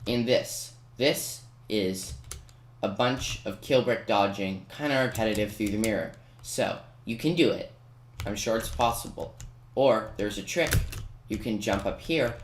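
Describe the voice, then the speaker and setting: A man with a lowish voice and a measured pace gives casual tutorial commentary on a video game, hedging and correcting himself along the way. The recording has a roomy echo and faint noise, with computer keyboard typing and clicks in the background.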